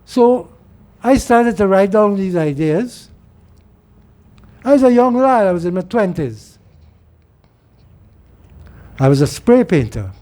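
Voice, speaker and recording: Here a middle-aged Trinidadian political speaker delivers a loose, rambling monologue, his Trinidadian accent clear as he repeats words on each restart. The voice is high and dark, very animated, and he takes his time with frequent pauses.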